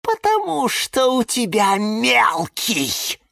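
Reader putting on a nasty jealous plant lady, sneery, swings high and low. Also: wildly swooping pitch, slow pace, creaky, bright, forceful tone, no echo, studio quality, exaggerated voice. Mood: mocking. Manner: snide, mocking, shifting between shrieks and hisses. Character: spiteful female houseplant, jealous and sneering. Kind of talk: children's audiobook reading.

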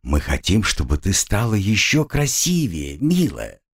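A man's voice: fairly low pitch, huge pitch swings, a little slow, slightly rough, full character voice. A man voicing a sadistic adult woman captor who purrs soothing words with mocking coldness. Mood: purring. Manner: purring, mocking, coldly soothing.

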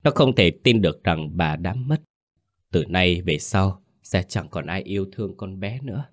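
A man narrating a horror story in a calm, measured storytelling manner. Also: sits low, no room sound, studio quality.

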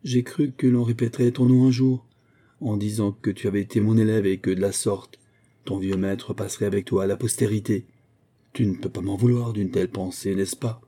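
A man's voice: fairly low pitch, fairly even intonation, fairly quick, dark tone, natural voice. A man doing a cranky old Italian singing master. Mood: pleading. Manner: exasperated, scolding.

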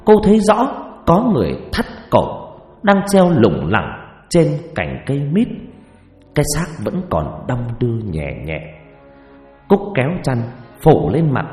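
A man's voice: medium pitch, darkish tone. A man telling a ghost story in a dramatic, suspenseful scripted narration, recorded with echoey reverb over faint music.

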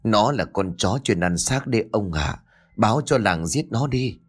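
An anxious old village wife, as a male storyteller puts her on, her words shaky and urgent. The delivery swings in a lively way. Faint music sits underneath. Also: on the low side, a little slow, husky. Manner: anxious, trembling.

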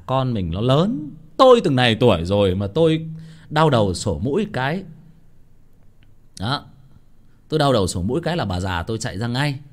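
A man, giving relationship advice in a casual monologue full of rhetorical questions. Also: mid-range voice. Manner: animated, with frequent rhetorical questions.

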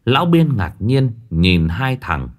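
A man narrating a ghost story in a dramatic, expressive way. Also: medium pitch, slow pace.

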